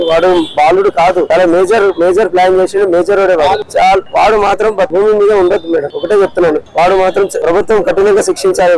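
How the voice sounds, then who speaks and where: A man's voice: high voice, low-quality recording. A man, a grieving father in an emotional street interview, talking in a repetitive, pleading way. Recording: crowd noise outdoors.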